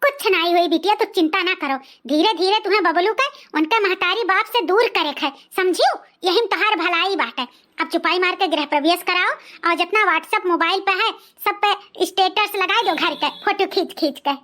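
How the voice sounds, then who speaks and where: A shrill, very high voice belongs to a scheming older village mother, which a woman puts on for a cartoon. She speaks Hindi with an Awadhi accent, bossy and scolding. Her tone is sharp and bright as she goes on at her daughter. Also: normal speed. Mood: conspiratorial.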